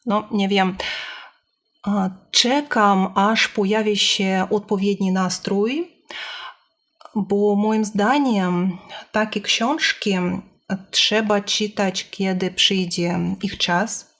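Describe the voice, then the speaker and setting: A woman's voice: medium pitch, fairly even intonation, drawn-out words, fairly bright tone. Careful, hesitant non-native woman vlogger. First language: not Polish or Armenian, both learned languages. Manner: careful, hesitant speech in learned languages, searching for words. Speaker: language-learning vlogger. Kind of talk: personal vlog monologue about language learning.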